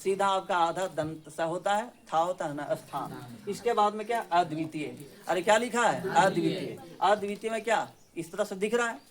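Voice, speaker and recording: High-voiced teacher quizzing his class. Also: expressive, crowd noise. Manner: drills pupils with quick questions, scolds and teases. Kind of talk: classroom spelling lesson. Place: classroom with pupils.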